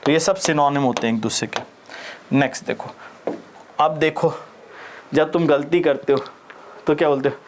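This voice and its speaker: Animated Indian man teaching vocabulary. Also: a little high, normal speed, pauses often, a little hiss or hum. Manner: playful and animated, mixing Hindi and English, jokes and mock voices. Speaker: English vocabulary teacher for exam students. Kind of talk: Hinglish exam vocabulary lesson.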